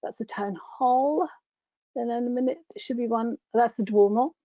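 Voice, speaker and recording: A middle-aged woman from a tour company enthusiastically presents travel slides over a webcam on a video call, gushing and chatty, often restarting her sentences. Her voice is on the high side and warm, at a moderate pace, in a dry recording with dull lo-fi call audio.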